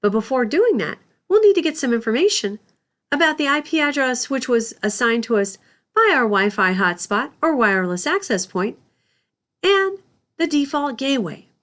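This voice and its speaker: With a fairly high, animated voice that moves up and down, a female instructor narrates a scripted lesson. She takes a moderate pace and explains things carefully, one step at a time.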